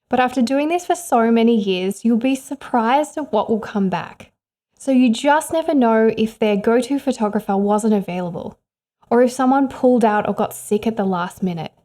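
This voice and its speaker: A woman with a slightly higher voice talks straight to camera in an advice vlog. She speaks as a freelance photographer, candid and encouraging, with the easy flow of casual conversation. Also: darkish tone. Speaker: freelance photographer giving career tips.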